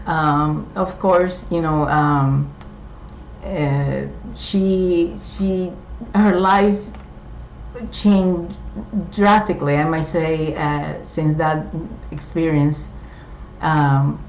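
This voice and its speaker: Low-pitched and a little mellow with little pitch movement, this middle-aged Puerto Rican co-host, a native Spanish speaker with a Puerto Rican accent, chats casually in a slow, halting way full of fillers. The recording is dull and echoey, with slight hiss or hum.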